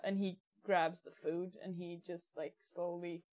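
A woman's voice: lowish voice, level tone, unhurried, a little mellow. A woman taking part in a tabletop game, describing her character in a rambling, filler-heavy way. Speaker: player. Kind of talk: casual tabletop play.

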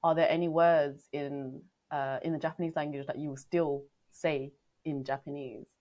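A young woman in her twenties in casual chat, chatty and quick to laugh. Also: sits low, fairly even intonation, warm tone. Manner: chatty, laughs often, fillers like "like".

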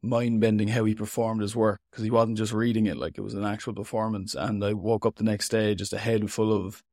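Low, even-voiced Irish man, casual and reflective. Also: brisk, no room sound, clean studio sound. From Ireland. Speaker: interviewed poet and writer. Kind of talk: casual, reflective interview talk.

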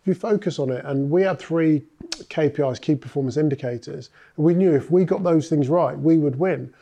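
A man's voice: fairly high pitch, brisk, vocal fry, warm tone. A man, a former rugby player, recounting his career in a casual interview, thoughtful and full of filler sounds.

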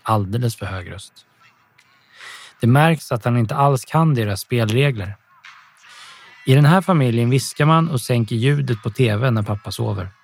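A man narrating a story calmly and evenly, with soft music behind him. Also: mid-range voice, vocal fry. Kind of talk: scripted audiobook narration.

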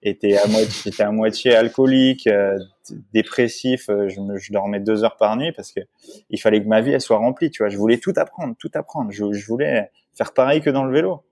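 Un homme à la voix plutôt grave raconte son histoire avec franchise, comme invité d'un entretien décontracté. Il hésite, se reprend souvent et interpelle son interlocuteur avec des « tu vois ». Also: male voice, fairly low pitch, a little fast, darkish tone. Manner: rambling, many restarts and fillers, frequent "tu vois"; emotional, candid recounting. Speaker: interview guest. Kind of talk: casual storytelling in conversation.

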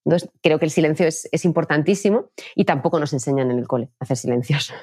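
Fast-talking woman coaching communication. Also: low-pitched, darkish tone, breathy edge, dry recording, studio quality. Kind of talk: interview answers.

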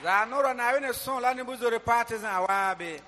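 A man's voice: very high voice, fairly quick, background noise. A man interpreting a sermon line by line, echoing each sentence in a rhythmic delivery. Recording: large hall with long reverb.

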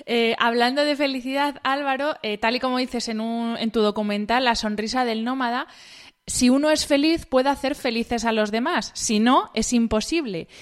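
A woman's voice: fairly high pitch, moderate pace. A woman podcast host with a Spanish accent, asking long, carefully framed interview questions.

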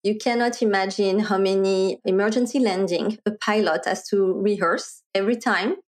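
A woman's voice: mid-range voice, steady tone, normal speed. Middle-aged French-accented woman explaining. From France. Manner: articulate, explanatory, laughs lightly while talking. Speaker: guest, marketing executive. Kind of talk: conversational interview.

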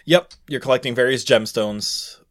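A man's voice: mid-range voice, normal speed, a bit bright. A man co-hosting a podcast, chatting casually and explaining things in a conversational way. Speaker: podcast co-host.

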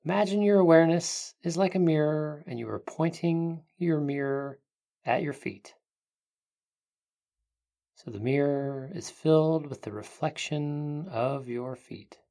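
Soft, hushed meditation guidance is given at a medium pitch by a narrator whose style recalls a sleep story. Long pauses and a creaky voice mark the delivery.

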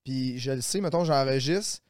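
A man's voice: mid-range voice, moderate pace, a little mellow, no room sound, studio quality. A Québécois man with a Québécois accent, explaining earnestly with many restarts in a casual podcast chat. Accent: Québécois French.

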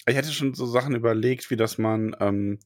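A man's voice: mid-range voice, moderate pace, a little mellow, no echo. Hesitant man, dry close sound. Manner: hesitant, many fillers and restarts. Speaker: podcast co-host discussing a book. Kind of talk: casual chat.

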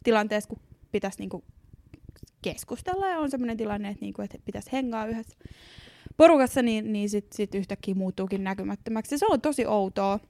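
A woman's voice: mid-range voice, a little mellow. A young adult woman co-hosting a podcast in casual chat, talking loosely with lots of filler words and the odd swear word. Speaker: podcast co-host.

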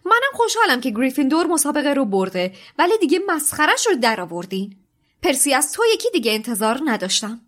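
A woman's voice: high-pitched, big pitch swings, fairly bright tone, voice pushed up, full character voice. A woman voicing a stern older woman teacher in an audiobook reading, scolding and stammering when shaken.

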